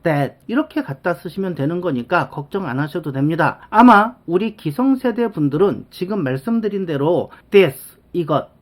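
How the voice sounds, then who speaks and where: A chatty teacher explains grammar in a relaxed spoken lesson. The voice sits in a middle pitch, and the teacher slips into little acted-out quotes of everyday speech. Soft background music plays behind the talk. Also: moderate pace, hardly any pauses.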